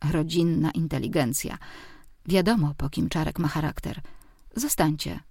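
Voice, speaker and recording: A woman's voice: sits low, normal speed, mellow, slightly rough, dry recording. A woman reading a wry, teasing old father. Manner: dry, mock-philosophical.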